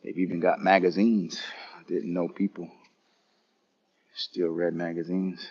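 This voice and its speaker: Male travel streamer, deep husky voice, casual unhurried tour of an airport lounge. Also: little pitch movement, darkish tone, highs cut off. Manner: casual, unhurried, talking to chat viewers. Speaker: travel vlogger. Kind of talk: live-streamed lounge walkthrough.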